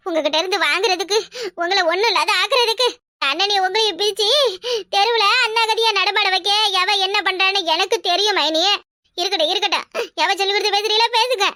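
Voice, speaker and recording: Woman doing a shrill Kanyakumari sister-in-law. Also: bright, forceful tone, dry recording, clean studio sound. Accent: Kanyakumari Tamil. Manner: accusing, dramatic wailing complaints. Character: meddling village sister-in-law, loud and self-righteous.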